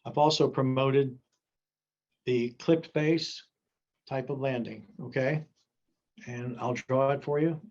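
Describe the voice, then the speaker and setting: A man's voice: mid-range voice, a little mellow, dull audio, a little hiss or hum. A man giving an indoor seminar as a flight safety instructor, folksy and emphatic with rhetorical asides while drawing on a board.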